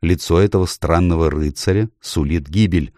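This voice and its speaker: A man's voice: deep voice, normal speed, warm tone, no echo, studio quality, close to an everyday voice. Man playing a sly, wheedling scheming lord. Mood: deferential. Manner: wheedling, conspiratorial. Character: sly cautious scheming male nobleman.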